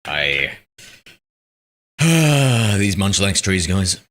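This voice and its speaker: Deep, bright-toned man streaming. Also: very animated, extremely slow. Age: 30s. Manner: chatty, reads chat aloud and banters back. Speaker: game streamer. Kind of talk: casual live-stream chat.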